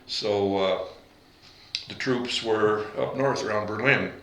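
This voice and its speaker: A man in his eighties, born in Latvia, recalling his life in an oral history interview, unhurried and halting with fillers and self-corrections. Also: fairly low pitch, a bit bright, roomy sound, slight background noise, rough recording. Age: 80s. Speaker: veteran interviewee.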